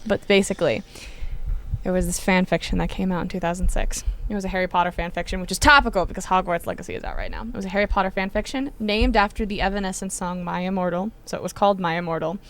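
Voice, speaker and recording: A woman's voice: on the low side, steady tone, fast. A young woman, co-hosting a casual podcast chat and explaining a topic at length with eager enthusiasm. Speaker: podcast co-host.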